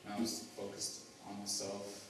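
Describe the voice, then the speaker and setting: A young man giving a personal testimony as a student, halting, with many fillers and restarts. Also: on the low side, monotone, noisy background. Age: young adult. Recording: echoey hall, mic far off, faint ambience.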